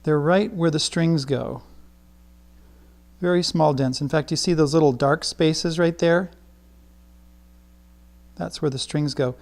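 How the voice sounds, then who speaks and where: A middle-aged man teaching guitar in a relaxed, chatty way, thinking aloud as he works. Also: on the high side, slow, gravelly, long pauses. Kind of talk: casual how-to lesson while working.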